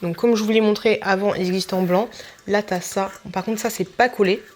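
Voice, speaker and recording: A woman's voice: mid-range voice, steady tone, brisk, a little mellow. A young woman chatting enthusiastically in a casual haul vlog, gushing over the things she bought. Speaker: YouTuber showing shopping finds.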